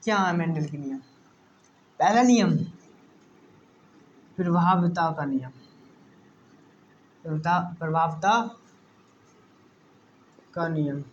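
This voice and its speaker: Male teacher, slow steady delivery, faint room noise, repeats and quizzes the class. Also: a little high, lo-fi sound. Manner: repetitive, asks the class questions. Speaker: science teacher. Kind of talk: classroom lesson at a board.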